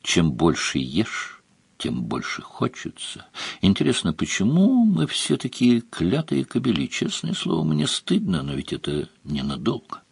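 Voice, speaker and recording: A man's voice: low-pitched, wildly swooping pitch, measured pace, creaky, slightly rough, dry recording, exaggerated voice. A man voicing a wry, battle-hardened soldier. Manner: dry, self-mocking. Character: seasoned soldier hero, ironic man.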